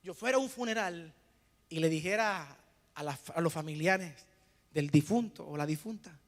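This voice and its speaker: Male preacher, high bright voice, rhetorical call-and-response questions, hushed then loud, echoey hall reverb. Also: lively intonation, moderate pace. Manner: swings between hushed and loud emphatic bursts. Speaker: pastor. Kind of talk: sermon.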